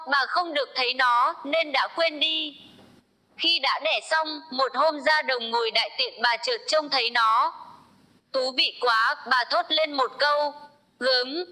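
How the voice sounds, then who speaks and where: A woman with a high voice reads short folk jokes aloud as a storyteller. Her tone is bright and sharp, and she keeps an even, unhurried storybook pace.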